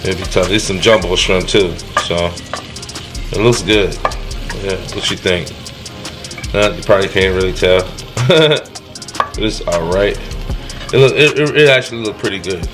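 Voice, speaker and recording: Music runs under a rough recording of a man cooking at home and casually chatting to viewers. Low-pitched and measured, he pauses often, drifts a little, says things twice and keeps putting questions to his audience from the kitchen.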